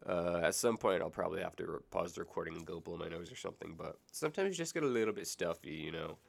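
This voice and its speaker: A man of around 20 with a stuffy, congested nose hosts a casual solo podcast from a basement room, rambling off on tangents, correcting himself, and joking sarcastically. He talks fast in a deep voice with vocal fry.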